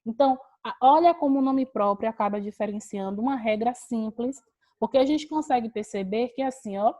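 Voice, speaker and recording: A woman's voice: fairly high pitch, brisk, mellow. A Brazilian woman teaching an online class over a video call, explaining step by step, repeating key words and asking rhetorical questions. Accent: Brazilian Portuguese.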